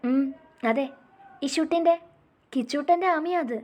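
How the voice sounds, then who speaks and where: A woman voicing a cheerful, playful teenage girl who talks in an excitable, teasing way. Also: sits high, measured pace, pitched above the performer's own voice. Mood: delighted.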